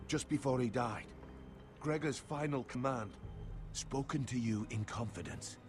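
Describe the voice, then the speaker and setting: An actor playing a solemn, loyal older male retainer and uncle in a video game, speaking in a measured, earnest way. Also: medium pitch, music in the background, natural voice. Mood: grave. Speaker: loyal family advisor.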